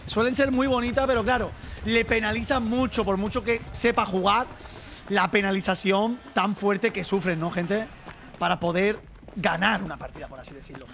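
A young man from streaming a game, chatting to viewers and shouting and swearing at the action. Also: high-pitched. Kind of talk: live gameplay commentary.

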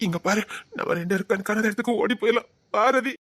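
A woman with a medium-pitched, slightly breathy voice talks fast in a dry, studio-quality recording with a natural sound. In a Tamil audio drama, she plays a desperate young man in love who pleads, repeats a woman's name, and makes emotional threats.

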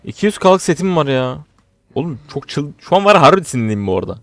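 A young man commentating his own gameplay, getting frustrated and swinging between low muttering and loud outbursts. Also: very animated, fast, vocal fry, dry recording. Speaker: gaming streamer.

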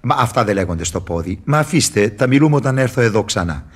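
In a radio theatre piece, a male actor plays a sly, mocking devil who feigns humility. His medium-pitched voice is animated, and he delivers verse in a husky, ironic, wheedling manner.

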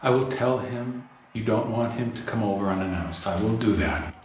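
A man playing a calm, self-assured older man in a web series drama. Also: lowish voice, normal speed, echoey room, slight background noise, close to an everyday voice.

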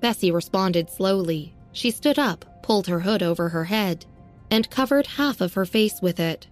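A woman narrating a serialized audio story in a steady, even reading. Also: mid-range voice, normal speed, faint music behind.

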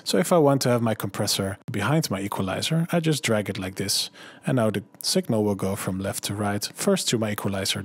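Husky man explaining software step by step. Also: on the low side, no echo. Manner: steady step-by-step explaining, walking through clicks. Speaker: tutorial host. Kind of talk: software tutorial voice-over.

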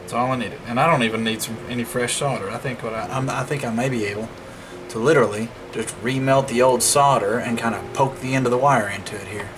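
A man with a steady mid-range voice talks fast, with music in the background, as he hosts a DIY electronics repair vlog at an indoor work table. His commentary is informal and folksy, thinking aloud while he works, in a home recording with clear background noise.

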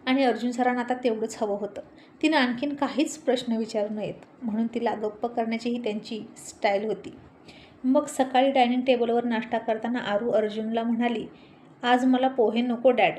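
A woman narrating a dramatic story in a vivid, expressive reading voice. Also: a little high, slight background noise.

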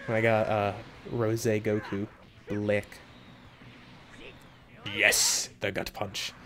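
A young man hosting a mobile game summoning video, talking casually to viewers and yelping with excitement between low muttered comments. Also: very slow. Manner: excitable, jumps into high yelps when hyped, muttering between pulls. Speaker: gaming video host. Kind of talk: casual gacha summon reaction.

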